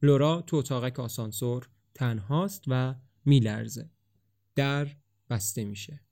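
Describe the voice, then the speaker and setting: Man, audiobook narrator, steady, measured, mid-pitched. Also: vocal fry. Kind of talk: scripted story narration.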